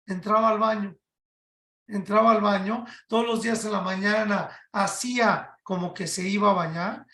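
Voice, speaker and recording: Man, rabbi, sermon, animated, shouts for emphasis, rhetorical questions, high pitch, echoey room. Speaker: rabbi giving a Torah talk.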